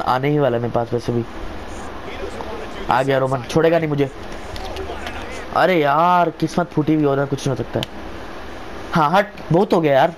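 High-pitched man, informal wrestling game commentator. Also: noisy background. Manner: chatty play-by-play like an informal wrestling commentator, repeating phrases. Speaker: gamer commentating his own wrestling video game match. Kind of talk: excited casual gameplay commentary.

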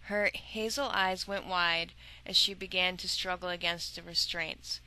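Bright-voiced woman reading a novel. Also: on the low side, fairly even intonation, a little slow, clear, resonant tone, low-quality recording. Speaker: audiobook narrator.

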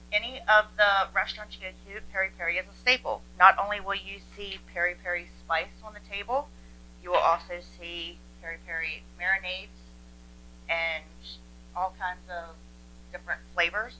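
A woman's voice: lowish voice, bright, forceful tone, slight background noise, low-quality recording. A woman in her forties hosting a cooking show from a home kitchen, chatting and sharing tips as she cooks. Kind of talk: casual cooking demonstration.

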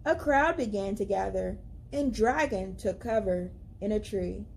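A young woman reading a children's picture book aloud as a library storyteller, with expressive, deliberate, dramatic emphasis. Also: medium pitch, creaky, a little hiss or hum. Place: indoors, library among bookshelves.

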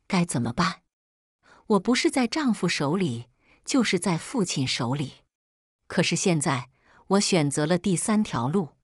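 A woman reading a first-person story as narrator, in a measured, even storytelling manner. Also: lowish voice, no room sound, studio quality.

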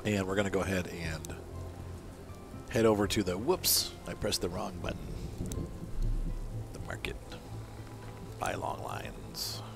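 A man's voice: low-pitched, a little slow, vocal fry, pauses often, music in the background. A man reviewing a fishing game as he plays, talking casually, often correcting himself mid-sentence and apologizing. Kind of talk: casual gameplay commentary.

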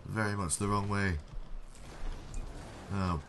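A man's voice: on the low side, steady tone, slow, fairly bright tone, slight background noise. A young man giving casual, sarcastic running commentary over a car-football game, mocking himself and his teammates. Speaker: gaming YouTuber.

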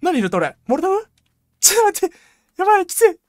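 A woman streamer talking to herself through a tense match in rough, slangy, excitable speech. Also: very high-pitched, fast talker, no echo, clean studio sound. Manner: jumpy, excitable self-talk, rough slangy speech, frequent laughs. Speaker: game streamer. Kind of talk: live gameplay commentary.

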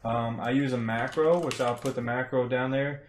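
There's a little hiss or hum as a young man, streaming from an echoey room at home, explains a game farm in easygoing, wandering commentary full of fillers. His medium-pitched voice keeps a moderate pace.

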